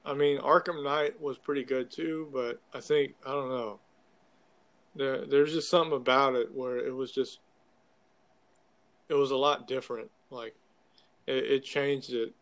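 A man's voice: medium pitch, fairly even intonation, measured pace, long pauses, a bit bright. A young man in casual conversation, talking like a frat bro with loose slang and plenty of swearing. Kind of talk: casual chat about video games.

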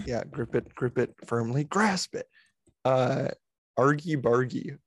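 A man's voice: medium pitch, lively intonation, slow pace, breathy edge, dry recording. A man co-hosting a comedy podcast, chatting casually and playfully and laughing often. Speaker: podcast co-host.

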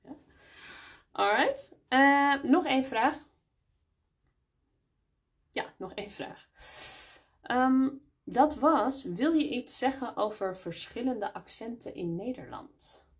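A woman teaching Dutch in a live-streamed question-and-answer lesson, explaining slowly and repeating words in Dutch and English. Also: sits high. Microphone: phone.

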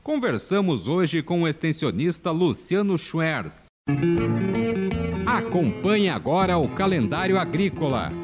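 A man's voice: on the high side, big pitch swings, measured pace, music in the background. A man presenting a farming programme in formal, scripted announcer narration.

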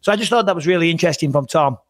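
Man, podcast co-host, casual fight talk, lots of swearing, fairly high voice. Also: racing. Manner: animated storytelling, heavy swearing.

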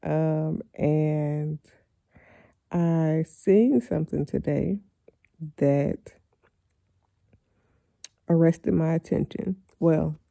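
A woman talking slowly to her camera while lying in bed, freshly awake and yawning. Her voice is dark and gravelly, and she rambles in a reflective way, filling her pauses with ums. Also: low voice, dry recording. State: just woke up, yawning. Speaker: vlogger. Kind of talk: casual talk to camera.

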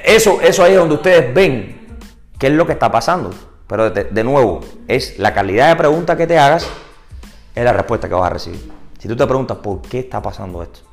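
A man's voice: fairly quick, vocal fry, faint music behind. A man giving a real estate business class to agents, mixing in English words and asking the audience rhetorical questions. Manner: animated, rises high and loud for emphasis, then drops low and quiet; mixes English words into Spanish. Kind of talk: live seminar talk to agents.

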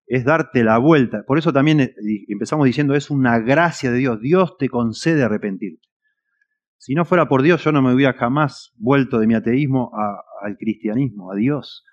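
A man with a Rioplatense Spanish accent preaching a sermon, earnest and emphatic, his voice swelling and dropping in loudness. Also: mid-range voice, moderate pace. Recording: dull lo-fi recording.

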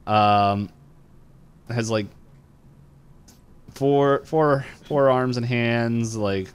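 A man's voice: medium pitch, extremely slow, clear, resonant tone. A man co-hosting a podcast, casually retelling a cartoon episode in a rambling way, with lots of fillers and laughs. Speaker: podcast co-host. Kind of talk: casual recap chat.

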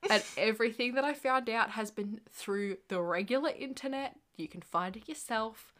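Her voice on the high side and fairly bright, this podcast co-host, a woman in her twenties, talks at a normal speed. The conversation is a casual chat in which she's chatty and explains things.

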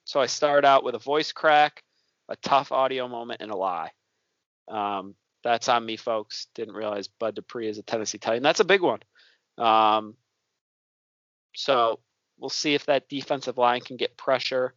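A man co-hosts a casual sports chat in a loose, self-deprecating way, filling his pauses with ums. His voice sits in a middle register. The sound is dry and dull, like a lo-fi remote line. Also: medium pitch, a bit bright, no room sound. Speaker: sports podcast co-host.

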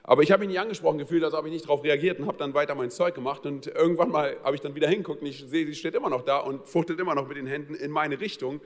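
A man's voice: fairly high pitch, rapid-fire, few pauses. A man preaching a sermon to his church congregation, talking straight to the listeners in a conversational, humorous storytelling way with plenty of fillers. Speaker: pastor. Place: church service. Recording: long reverb of a large hall.

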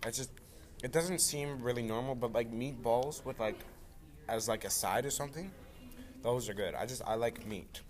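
A man's voice: medium pitch, normal speed. A man chatting casually about food, rambling and playful, repeating words, sounding a bit stuffy.

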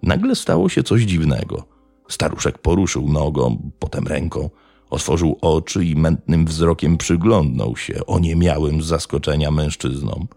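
A man narrating a true-crime story in a measured, grave tone. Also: extremely low pitch, animated, gravelly, mellow, no room sound, soft background music. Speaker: podcast narrator.

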